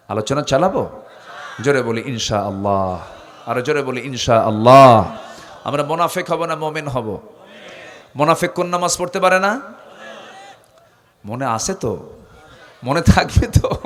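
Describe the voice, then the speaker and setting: A preacher from Bangladesh giving a sermon, moving between quiet asides and loud calls for the crowd to answer, and slowing into drawn-out chanted recitation. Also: male voice, mid-range voice.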